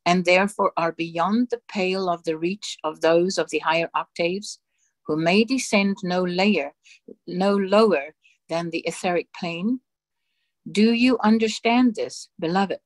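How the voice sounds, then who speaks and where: A woman minister reads a sermon aloud in a slow, solemn, measured voice. Her pitch sits somewhat low, and the recording is dry and close with no room sound. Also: no echo. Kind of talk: sermon reading of spiritual dictations.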